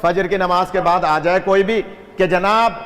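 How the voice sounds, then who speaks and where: Slightly high-voiced male preacher, lively storyteller, long hall reverb. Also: heavy background noise. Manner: lively narration with audience asides. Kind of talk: sermon storytelling.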